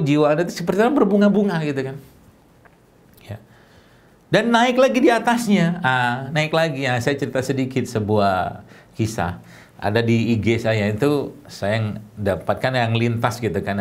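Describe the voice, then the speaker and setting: A man's voice: mid-range voice, normal speed. A middle-aged man, giving a sermon to a congregation. He talks like he is chatting with them and keeps asking them questions. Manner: conversational, animated, with rhetorical questions. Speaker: preacher.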